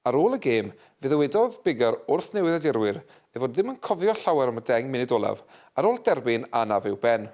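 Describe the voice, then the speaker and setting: A man presenting a local news bulletin in a steady, measured read. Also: medium pitch. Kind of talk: scripted news reading.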